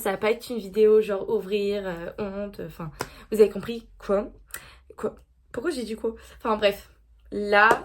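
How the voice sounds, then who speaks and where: A woman's voice: medium pitch, a little hiss or hum. A young woman filming a casual makeup vlog, chatty and self-mocking, stumbling over words with many fillers and apologies. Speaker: vlogger.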